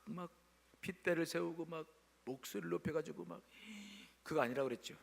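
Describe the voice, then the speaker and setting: A man's voice: on the high side, fairly quick, vocal fry, long reverb tail. A male pastor preaching a sermon at a church service, speaking emphatically and calling on the congregation to answer aloud.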